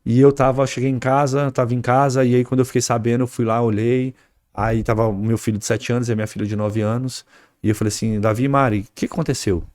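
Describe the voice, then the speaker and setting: A Brazilian man talks quickly, at an ordinary pitch, as a podcast guest. He tells an anecdote and acts out the dialogue, filling gaps with little tags. The sound is dry and close, with no room echo. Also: flat delivery, a little mellow. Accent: Brazilian Portuguese. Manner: anecdotal, acts out dialogue, frequent fillers like "né" and "cara". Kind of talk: casual storytelling interview.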